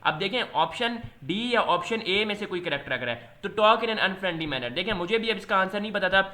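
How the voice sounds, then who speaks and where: Pakistani guy tutoring for entry tests, high bright voice, chatty, reads english questions slow. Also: expressive. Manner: switches to slow, deliberate pace when reading English questions; loose, chatty teaching with fillers. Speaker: test prep tutor. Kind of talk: explaining exam questions.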